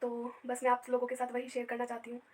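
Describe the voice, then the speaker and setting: A woman's voice: on the high side, completely flat delivery, quick pace. A young woman vlogging to camera, tired and upset after a sleepless night, telling the story chattily with many fillers. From India. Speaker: family vlogger. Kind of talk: casual vlog storytelling to camera.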